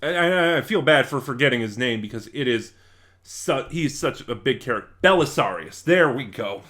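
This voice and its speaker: This male reviewer has a medium-pitched, expressive, fairly bright voice and speaks at a moderate pace. His casual, off-the-cuff review wanders, drifting off track and self-correcting frequently.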